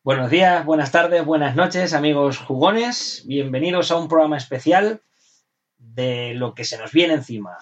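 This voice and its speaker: A man's voice: a little high, normal speed, recorded from a distance, highs cut off, faint music behind. A man with a Spain Spanish accent casually hosting a hobby podcast, repeating phrases as he steers the talk. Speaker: podcast host.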